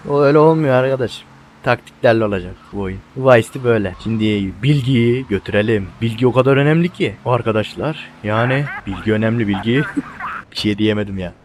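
A man does casual, excitable let's-play commentary, swearing and talking to his viewers like friends. His voice is mid-range and brisk, with slight background noise.

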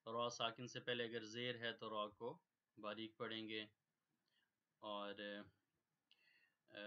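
A man's voice: lowish voice, pushed and bright. A man from Pakistan teaching Quran recitation rules, explaining patiently step by step and dropping in English words. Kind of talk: tajweed lesson. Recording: dull lo-fi recording.

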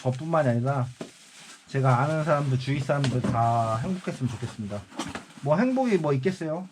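With background noise around him, a fortysomething man speaks animatedly and fairly fast at medium pitch as he packs parcels for his small online store in an indoor work area. He wanders through thoughts aloud, sighing now and then.

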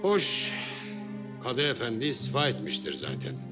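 Middle-aged male guild leader, historical series, measured, varied pitch under a heavy score. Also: huge pitch swings. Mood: measured, resigned. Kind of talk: historical drama acting. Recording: loud music behind voice.

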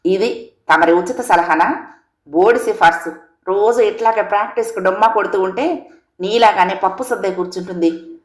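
A woman doing a bossy, short-tempered dad who pushes and scolds, in a storybook reading. The voice climbs high and loud when he presses, and the room adds a roomy echo. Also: fairly quick, natural voice. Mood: angry. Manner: pushy, scolding, demanding. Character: impatient domineering middle-aged father. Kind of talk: storybook character voice.

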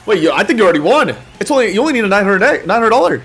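A young man hosting a gambling livestream in an excited, slangy, repetitive frat-bro manner. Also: high voice, very fast, husky, faint music behind. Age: young adult. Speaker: livestream host. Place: indoor room at home.

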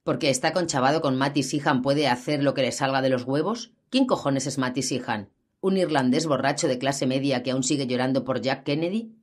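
A woman's voice: a bass voice, a little fast. A woman reading the part of a hotheaded teenage boy who blusters and whimpers. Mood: ranting. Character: hotheaded teenage Irish-American boy, frightened.

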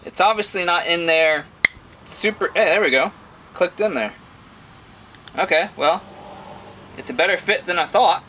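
A man's voice: sits high, a little slow, long pauses, bright, forceful tone, slight background noise. A man talking casually through a bone carving project in his workshop, thinking aloud with frequent fillers. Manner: thinking aloud with many "um"s, upbeat when things work.

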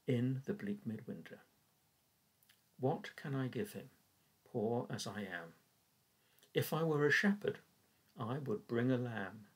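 Older man reading prayers, husky voice. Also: mid-range voice, a little mellow, poor audio. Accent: English. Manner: measured, earnest reading voice. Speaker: church warden leading prayers. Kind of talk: reading and devotional reflection. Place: small room indoors. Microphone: webcam at desk.

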